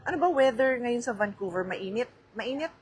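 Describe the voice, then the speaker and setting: A woman's voice: a little high, lively intonation, moderate pace, low-quality recording. A middle-aged woman with a Filipino accent talks casually into her phone during a live stream. She drifts easily between Filipino and English, greets viewers by name, and chats about her day. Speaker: vlogger hosting a phone livestream. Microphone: handheld phone.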